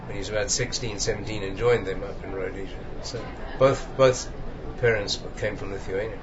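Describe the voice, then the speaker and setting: Older guy, lowish voice, muffled hissy recording, lots of ums. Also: steady tone, brisk. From Zambia. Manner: thoughtful, hesitant, with many fillers. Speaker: cardiologist guest. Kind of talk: reflective conversational interview. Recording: dull, noisy conference recording.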